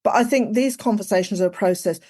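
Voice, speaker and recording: A woman's voice: medium pitch, fast talker, mellow. A woman, chatting casually as a podcast guest, full of "like" and "you know". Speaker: guest, executive coach.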